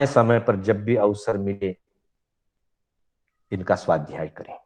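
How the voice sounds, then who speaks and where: A man teaching Jain scripture, slowly reciting Sanskrit sutras, repeating each one, and patiently explaining them to his listeners. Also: lowish voice, a little mellow. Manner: patient, addresses listeners as brothers.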